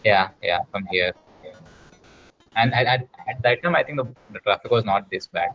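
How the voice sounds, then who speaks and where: Low-voiced man with a Kannada accent. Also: normal speed. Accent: Kannada Indian. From Bangalore, India. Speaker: participant, performance marketer. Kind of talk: casual chat. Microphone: online call. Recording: dull lo-fi call audio.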